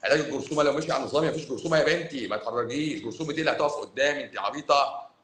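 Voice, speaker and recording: A man from Cairo with an Egyptian accent, a doctor talking bluntly and emphatically to viewers on a livestream, swinging between loud and hushed. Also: medium pitch, rapid-fire, reverberant, a little hiss or hum, poor audio. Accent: Egyptian Arabic, Cairo. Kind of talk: livestream talk answering viewers.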